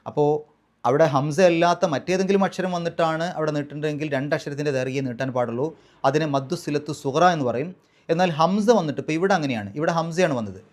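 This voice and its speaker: A man teaching Quran recitation rules in a patient, step-by-step way, slowly drawing out the recited words as examples. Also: on the high side.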